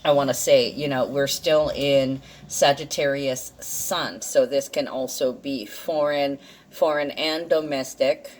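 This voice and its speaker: Woman, low pitch, slightly impeded articulation, hesitant rambling card reader, casual, thinking aloud, faint noise and clicks behind. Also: steady tone, unhurried. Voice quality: slightly impaired, funny-sounding articulation from a dental problem. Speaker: tarot and astrology card reader. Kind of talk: casual, rambling card reading with astrology commentary.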